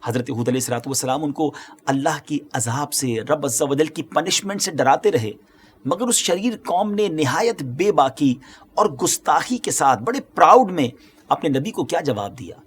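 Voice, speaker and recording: A man's voice: on the high side, expressive, slightly rough. A middle-aged man telling a religious story dramatically, slipping English words into his speech and putting rhetorical questions to the viewers.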